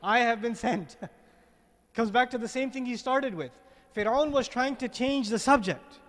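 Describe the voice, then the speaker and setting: Guy with a really high voice doing a religious lecture, lots of rhetorical questions, long hall echo. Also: unhurried, fairly bright tone. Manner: repeats words while searching. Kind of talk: Quran commentary lecture.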